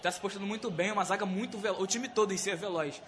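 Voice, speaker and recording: A man's voice: high-pitched, rapid-fire, background noise. A Brazilian man giving live analysis as a football match commentator.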